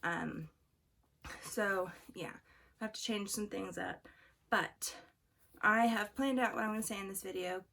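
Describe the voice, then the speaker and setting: A woman's voice: mid-range voice, unhurried, creaky, long pauses, bright, forceful tone. A young woman with allergy congestion and a throaty voice, chatting in a casual, rambling vlog with many fillers. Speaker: vlogger studying for the bar exam. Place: room at home. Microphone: camera on a fixed angle.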